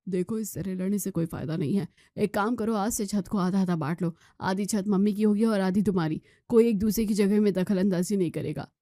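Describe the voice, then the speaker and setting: A woman voicing a young married son who calmly settles a family quarrel. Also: medium pitch, a little fast, hardly any pauses, dry recording, clean studio sound, close to an everyday voice. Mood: calming.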